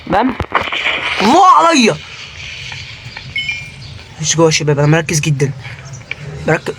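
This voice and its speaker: This gaming YouTuber, who has an Egyptian Arabic accent, narrates a Minecraft let's play at a very fast clip with background noise behind him. He is jumpy and panicky, letting out high shrieks whenever something scares him.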